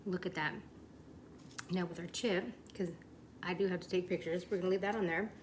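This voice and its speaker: A woman's voice: fairly low pitch, steady tone, a little fast, background noise. Chatty woman hosting a home cooking show. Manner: chatty, enthusiastic, addresses viewers as "you guys". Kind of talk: casual cooking demonstration. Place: home kitchen.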